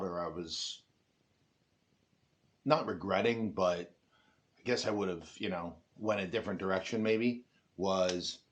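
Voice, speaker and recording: Man, deep register, loose rambling delivery full of fillers and restarts, casual to-camera review. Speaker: ATV owner reviewing a product.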